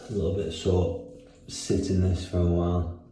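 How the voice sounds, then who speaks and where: A low-voiced man talks in a candid, chatty video-diary way, dropping the odd swear word. His tone is dark and mellow. He is picked up from a distance in a very echoey room with faint hiss behind him. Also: little pitch movement, normal speed. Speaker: vlogger. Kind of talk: casual vlog diary.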